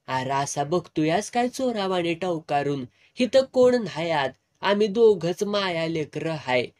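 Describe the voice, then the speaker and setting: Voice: medium pitch, expressive, unhurried, a little mellow, natural voice. A narrator voicing a scolding old village woman. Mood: grumbling. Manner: scolding, rough rural speech.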